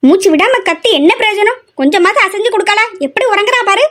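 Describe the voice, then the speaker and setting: Woman as a nagging middle-aged mother, high-pitched, constant scolding; comedy skit. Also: expressive, fast talker, fairly bright tone. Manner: scolding, complaining nonstop.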